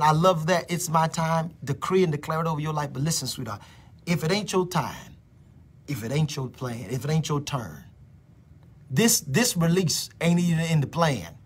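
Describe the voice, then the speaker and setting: A middle-aged man preaching prophecy live over his phone, repeating phrases and swinging between loud declarations and whispers. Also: on the high side, breathy edge.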